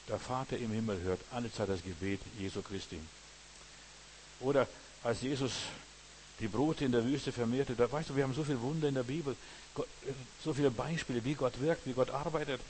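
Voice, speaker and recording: A man's voice: mid-range voice, a little fast, darkish tone, a little hiss or hum, poor audio. A man preaching a sermon with passion, quoting scripture by book and verse and speaking straight to his listeners. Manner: impassioned, quotes scripture with book and verse, addresses listeners directly.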